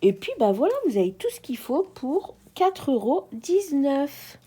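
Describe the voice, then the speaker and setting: A craft vlogger with a French accent unboxes a craft kit, chatting casually, hesitantly and warmly to her viewers and often addressing them directly. Her voice sits high, very animated and warm, at a measured pace.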